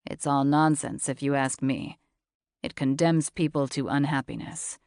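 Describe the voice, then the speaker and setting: A woman voicing a brooding, cynical, mysterious man in an audiobook, speaking low, blunt and dismissive. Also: little pitch movement, measured pace, darkish tone, clean tone, no room sound, clean studio sound. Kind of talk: audiobook character voice.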